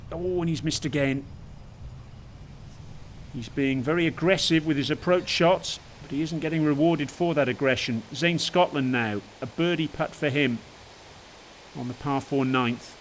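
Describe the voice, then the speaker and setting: A man working as a golf commentator, giving measured television highlights commentary with brief exclamations. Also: slight background noise.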